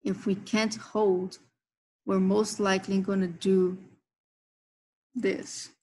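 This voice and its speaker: A woman's voice: medium pitch, level tone, slow pace, mellow, breathy edge, poor audio. A woman hosting a live trading session, walking members through chart levels and price zones. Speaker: trading stream host.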